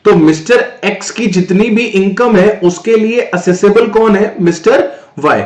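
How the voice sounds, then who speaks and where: A male tax lecturer from northern India, talking in a slightly high voice and often switching to English terms. He poses questions to the class and answers them himself. The recording has a roomy echo. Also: measured pace. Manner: mixes English terms into Hindi explanation. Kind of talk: exam-prep classroom lecture.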